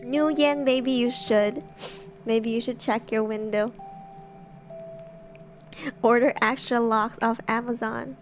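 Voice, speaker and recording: A woman with a high, light voice chats casually as she streams from her bedroom. She talks in a jumpy, giggly way, and faint music plays softly behind her. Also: fairly even intonation, slow, pauses often. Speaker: streamer reading horror stories. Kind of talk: casual livestream chat.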